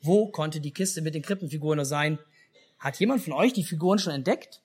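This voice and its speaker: A man with a German accent telling a children's Christmas story in a church service, speaking lively and asking the children questions. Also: a little high, fairly quick, breathy edge. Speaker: pastor.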